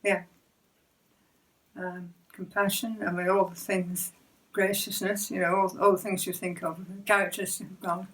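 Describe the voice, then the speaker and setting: An older woman telling her personal faith story in a hesitant, gentle way, often repeating words and giving soft laughs. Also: on the low side, flat delivery, normal speed, distant mic, poor audio. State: emotional near the end. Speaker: church member sharing testimony.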